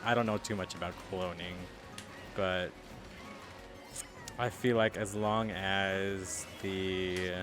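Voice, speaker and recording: A man's voice: low voice, steady tone, takes it slowly, pauses often, music in the background. A man co-hosting a casual podcast, asking questions and cracking jokes while playing a game. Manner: inquisitive, joking, giggly. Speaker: podcast co-host. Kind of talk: casual chat while gaming.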